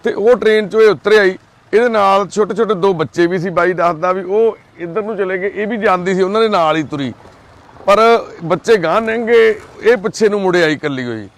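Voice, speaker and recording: An earnest man with a Punjabi accent reports live from outdoors by a railway line at night. His voice sits slightly higher than most men's, and he talks in a gentle, coaxing way. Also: normal speed. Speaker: volunteer field reporter. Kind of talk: on-the-spot field report.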